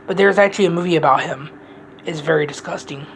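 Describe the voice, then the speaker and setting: A woman's voice: deep voice, fast, slight background noise, low-quality recording. A woman giving a casual, rambling movie review, blunt and profane, often restarting her sentences.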